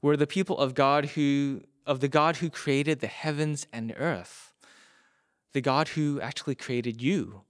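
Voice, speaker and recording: A male preacher acting out a stern guard of an ancient Israelite camp, speaking firmly and sometimes dropping to a hushed tone, in a dry close sound. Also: mid-range voice, measured pace, no echo, natural voice.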